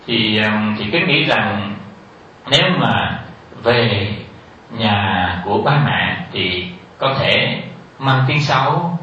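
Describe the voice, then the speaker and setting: A male Buddhist teacher telling a story during a dharma talk, halting with many filler sounds and turning to ask his listeners questions. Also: medium pitch, fairly bright tone, a little hiss or hum. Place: temple hall in the US. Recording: very echoey hall, far from the mic, dull sound.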